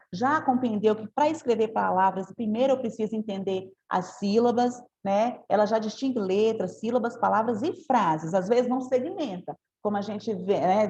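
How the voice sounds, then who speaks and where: A woman's voice: mid-range voice, a little mellow, muffled recording. A woman giving a teacher training talk, explaining step by step and often adding tag questions.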